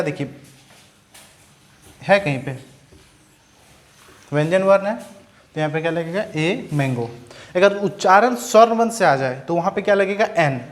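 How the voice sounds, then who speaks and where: A young man teaching a grammar lesson, who asks questions and answers them himself and sounds words out slowly. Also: high-pitched. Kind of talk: Hindi-medium English grammar lesson.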